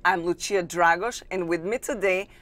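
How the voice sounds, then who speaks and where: A woman's voice: lowish voice, moderate pace, fairly bright tone. A woman in her forties from Bulgaria hosting a studio interview in a polished, upbeat presenter manner, on a lapel mic. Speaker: host. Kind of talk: scripted intro and interview questions. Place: small studio set, indoors.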